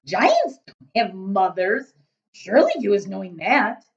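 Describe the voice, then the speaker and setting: A woman voicing a huge, very old, kindly male giant who talks loudly with jumbled grammar and made-up words, in a storybook reading. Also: medium pitch, huge pitch swings, measured pace, dull audio, pitched above the performer's own voice. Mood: earnest.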